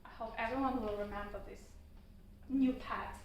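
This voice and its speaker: A woman with a high voice speaks cheerfully at a club meeting and laughs often. She is far from the mic, the room echoes strongly, and a faint background hum is present. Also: fairly even intonation, normal speed, muffled recording. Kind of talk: impromptu speech at a club meeting.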